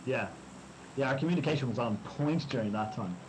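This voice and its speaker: A man's voice: mid-range voice, fairly quick, noisy background. A man, co-hosting a game stream, easygoing and calling out enemy positions. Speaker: co-host. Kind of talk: casual game stream chat.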